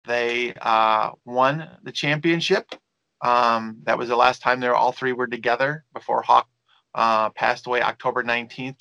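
A man's voice: medium pitch, vocal fry, bright, forceful tone, no echo, rough recording. A man who works as a wrestling promoter and manager, telling stories in a rambling interview with many fillers and restarts. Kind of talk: casual storytelling interview.

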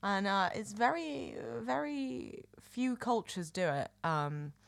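A woman co-hosting a casual podcast chat, halting and restarting as she talks. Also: mid-range voice, lively intonation, gravelly. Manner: chatty, halting, many restarts and fillers. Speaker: podcast co-host.

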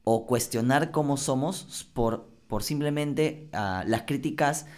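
A man co-hosting a podcast, talking in a reflective, halting way with frequent restarts. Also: medium pitch. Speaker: podcast co-host. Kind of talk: casual conversation.

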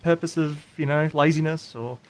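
A man's voice: fairly high pitch, steady tone, moderate pace. A man chatting casually and wryly as a radio co-host. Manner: wry, narrating his own actions. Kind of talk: casual chat.

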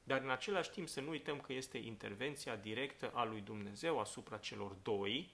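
Male pastor, mid pitch, gravelly, unhurried Bible teacher who pauses to check the listener is following. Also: a bit bright. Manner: thinking aloud with many fillers, checks in with "da?".

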